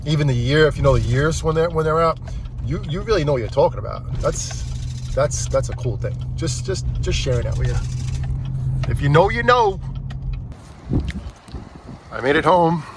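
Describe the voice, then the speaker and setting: A man's voice: on the high side, expressive, normal speed, background noise. Rambling middle-aged man vlogging. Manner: rambling, many restarts and fillers. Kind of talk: casual vlog talk. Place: in and around a truck.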